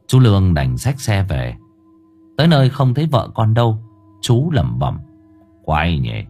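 A man narrates a village ghost story with animated, swinging intonation. His voice sits low and husky, and soft music plays quietly behind him. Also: moderate pace. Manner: expressive, lively storytelling. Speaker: audiobook narrator.

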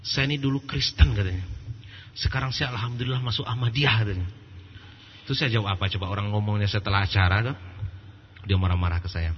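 A male preacher giving a religious lecture in a lively storytelling way, acting out quoted voices and laughing at his own jokes. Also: lowish voice. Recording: muffled lo-fi recording with faint background noise.

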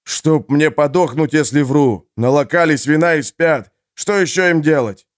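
A man's voice: fairly high pitch, normal speed, voice pushed up, natural voice. A man voicing a cowardly male jailer who sneers at first and then begs for mercy under blows, in an audiobook. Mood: grovelling. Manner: pleading, whining.

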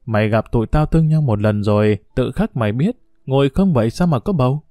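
Pregnant young village woman, blunt and plain-spoken, voiced by a male narrator; warm dark timbre. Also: mid-range voice, animated, brisk, dry recording, lightly acted. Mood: teasing.

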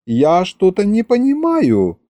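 Male reader doing a high, swooping, excitable young vampire girl, dreamy storybook figure. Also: no echo. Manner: sighing, drawn-out, breathless gushing. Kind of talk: audiobook character reading.

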